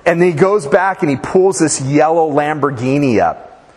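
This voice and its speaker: A pastor delivers a conversational sermon full of stories, rambling asides, fillers, and restarts. His voice is a touch high for a man, animated yet a little mellow, at normal speed, and a long reverb from the church sanctuary rings around him.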